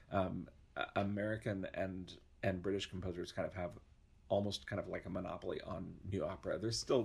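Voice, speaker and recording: A man's voice: low voice, vocal fry, darkish tone, slightly rough. A man, an opera education director, chatting enthusiastically in a casual podcast interview, with many fillers and restarts.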